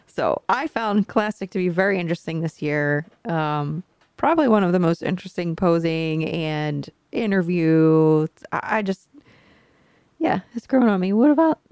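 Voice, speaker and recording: Woman cohost on a podcast, lowish gravelly voice, dry close mic, chatty and quick with asides. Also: no room sound. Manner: chatty, explaining, lively asides. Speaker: podcast co-host and coach. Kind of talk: casual chat.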